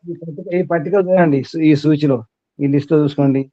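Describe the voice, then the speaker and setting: A man's voice: fairly high pitch, fairly even intonation, quick pace, no echo. Guy leading a spiritual talk, keeps asking the room questions, lists stuff out, kinda muffled dry sound. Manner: questioning listeners, long lists. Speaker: spiritual teacher. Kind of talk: teaching sermon to a small group.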